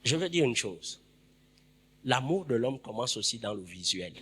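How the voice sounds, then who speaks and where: Male preacher, sermon, animated swooping pitch, emphatic repetitions, long church reverb. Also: moderate pace, breathy edge. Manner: emphatic, repeats phrases, sudden loud bursts.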